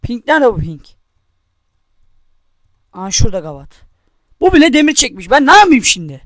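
High-pitched young man raging at a game. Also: very animated, normal speed, a bit bright. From Turkey. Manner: angry, cursing, taunting. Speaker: gamer. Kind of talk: gameplay commentary.

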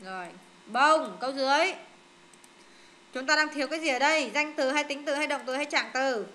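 A woman tutoring students in English, drilling them through exam answers in a brisk, directive way and correcting their mistakes firmly. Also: sits high, sharp tone, a little hiss or hum.

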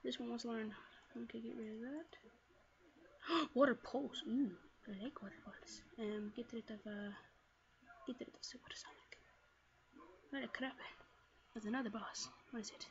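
Excitable high-voiced woman gaming. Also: measured pace, pauses often. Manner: excitable, shouts commands at her team. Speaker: gaming channel host. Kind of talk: Let's Play commentary. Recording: dull lo-fi mic with faint noise.

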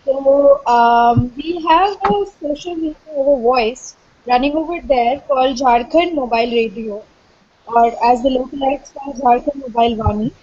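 A woman from India, a doctoral student, introducing her research in an online class, speaking quickly with fillers. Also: high voice, animated, darkish tone, husky. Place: video call. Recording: dull lo-fi online call audio.

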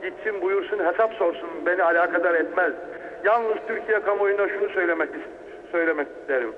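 A man speaking over the phone in a combative, halting way, giving a statement as an interviewee. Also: high voice. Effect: telephone line. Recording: tinny phone line, hollow reverberation.

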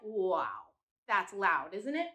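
A woman's voice: mid-range voice, big pitch swings, slow. A woman teaching a music class for young children, talking in a cheerful, sing-song way and coaxing the kids to join in.

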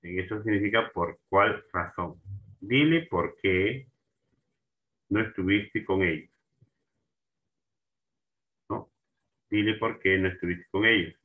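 A man teaching a grammar lesson with a slightly low voice and a bright, forceful edge. He talks very slowly, repeats words and restarts them, and keeps checking in with his students. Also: rough recording. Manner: slow and repetitive, restarting words and asking for agreement.

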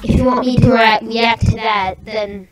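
A woman in a casual reaction video, chatty and quick to exclaim, her voice run through a robot voice changer. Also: on the high side, steady tone. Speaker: video creator reacting to an animation. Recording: echoey room, distant mic, music behind.

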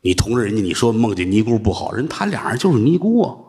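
A man's voice: on the low side, big pitch swings, fast, darkish tone. A man doing a preachy chiding monk. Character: amused lecturing old Buddhist monk, male.

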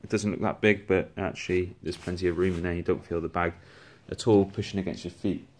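Brief: a man, lowish voice, relaxed and chatty, reviewing gear on a handheld phone at home. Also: a little fast. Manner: chatty, relaxed, with frequent restarts. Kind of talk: casual product walkthrough. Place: indoors at home, on a rug.

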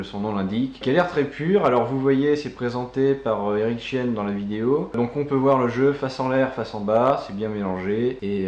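A man's voice: mid-range voice, a little mellow, lo-fi sound. Chatty French-speaking man in an echoey room. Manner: loose and chatty, many fillers. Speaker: co-host. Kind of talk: casual magic news show.

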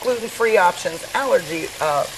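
A woman's voice: on the low side, animated, normal speed, background noise. A woman cooking in a restaurant kitchen as she chats on a TV segment, upbeat and eager, laughing easily. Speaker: restaurant cook. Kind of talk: cooking demo chat. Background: food sizzling on the stove.

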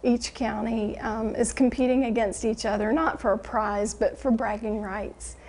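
A woman's voice: a little high, fairly even intonation, unhurried, a little mellow, low-quality recording. A middle-aged woman giving casual interview answers indoors. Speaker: youth development faculty, interviewee. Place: indoors before a branded backdrop.

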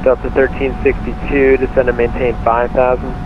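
This air traffic controller speaks at normal speed in a mid-range voice with little pitch movement, giving clipped procedural radio instructions. It comes across as a muffled narrowband radio transmission with cockpit drone noise.

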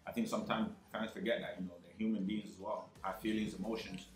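A young man in his twenties chatting as a guest on a gaming headset, easygoing and modest, sometimes halting over his words. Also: on the low side, little pitch movement, roomy sound, soft background music, poor audio. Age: 20s. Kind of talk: casual gaming chat. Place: bedroom streaming setup, indoors.

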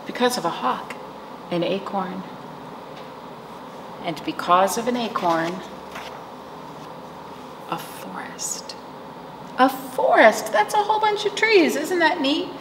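Seated in a small indoor library room, a middle-aged woman leads a virtual storytime as a children's librarian, with rhymes, read-alouds, simple explanations and check-in questions for young children. She speaks slowly with lively intonation in a slightly high voice, pausing often. The recording is echoey with background noise.

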